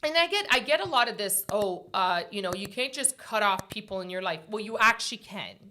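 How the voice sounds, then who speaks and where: A woman's voice: medium pitch, animated, fairly quick, pushed and bright, a little hiss or hum. A woman in her forties hosting a casual motivational talk show. She speaks emphatically, repeats her points and often ends with "right?". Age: 40s. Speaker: podcast host.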